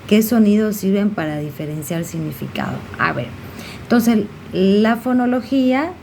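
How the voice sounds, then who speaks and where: A woman explaining a lesson to students, pausing often with fillers and checking questions. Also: mid-range voice, animated, vocal fry, darkish tone, slight background noise. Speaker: teacher.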